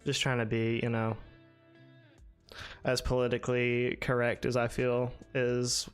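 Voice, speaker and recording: A man's voice: medium pitch, monotone, measured pace, clean tone, faint music behind. A young man streaming a game live, chatting casually and rambling with lots of fillers while answering his chat.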